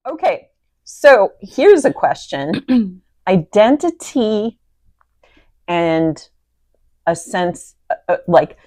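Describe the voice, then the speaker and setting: A woman co-hosting a casual conversation, wry and animated, often pausing to search for words. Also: mid-range voice, no room sound. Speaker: co-host.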